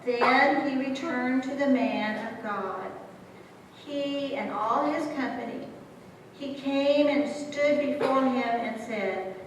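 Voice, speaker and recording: A woman reading scripture aloud formally in a church service, with a measured, deliberate delivery. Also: on the high side. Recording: echoey hall from far off, faint noise.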